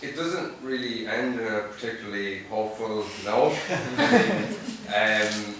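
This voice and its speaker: A man's voice: fairly low pitch, expressive, slow, heavy background noise. A man asking an audience question at a Q&A, earnest and rambling with many fillers. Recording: echoey hall, distant mic.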